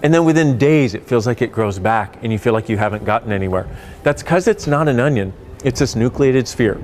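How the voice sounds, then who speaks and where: Lively man explaining a self-help tool. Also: brisk, a little hiss or hum. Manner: animated, playful storytelling with sudden rises in pitch. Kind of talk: spoken explanation to camera.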